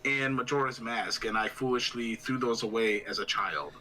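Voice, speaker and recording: A man's voice: medium pitch, moderate pace, pushed and bright, a little hiss or hum, low-quality recording. A man co-hosting a casual reaction chat in a laid-back, joking way. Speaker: co-host.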